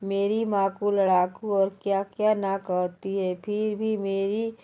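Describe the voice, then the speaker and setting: A woman's voice: medium pitch, flat delivery, slow pace, warm tone, smooth, close to an everyday voice. A woman voicing a devoted grown son who protects his mother, in a storybook reading.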